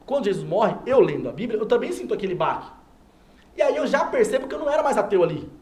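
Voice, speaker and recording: A man's voice: sits high, big pitch swings, quick pace, a little mellow. A man, a guest on a TV talk show, telling a personal faith story and acting out everyone's lines. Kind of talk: animated personal testimony. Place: TV studio.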